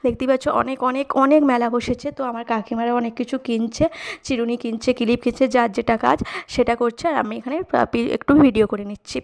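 Young Bengali woman vlogger, fast and friendly, slightly high voice, speaks directly to viewers. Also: steady tone, creaky. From West Bengal, India. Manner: chatty, quick, addresses viewers directly. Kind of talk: casual vlog narration. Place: outdoors at a village fair at night.

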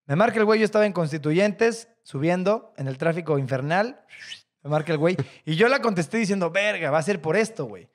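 A man with a Mexican accent, co-hosting a podcast, telling a story in an animated, slangy way and acting out the voices of the people in it. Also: high voice, fairly quick. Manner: animated, slangy, acts out quoted dialogue. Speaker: podcast co-host. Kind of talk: casual storytelling chat.

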